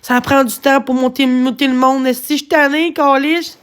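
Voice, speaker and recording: High-voiced Québécois woman ranting on a live stream. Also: steady tone, moderate pace. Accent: Québécois French. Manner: agitated, swearing often, rambling complaints. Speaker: livestreamer. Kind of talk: casual live-stream rant.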